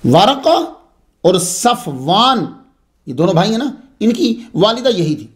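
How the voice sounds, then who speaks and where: A man speaks slowly in a high voice, giving an expressive religious history lecture that wanders into frequent asides.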